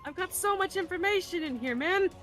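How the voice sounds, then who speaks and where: A woman's voice: extremely high pitch, lively intonation, a little fast, fairly bright tone, faint music behind. A woman player chatting wryly during a tabletop game. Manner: chatty, wry.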